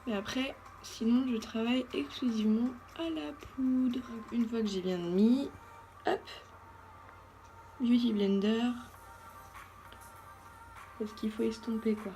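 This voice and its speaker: A woman's voice: a little high, slow pace, long pauses, mellow, faint music behind. A woman giving a casual makeup tutorial as a beauty vlogger, chatty and thinking aloud with lots of fillers.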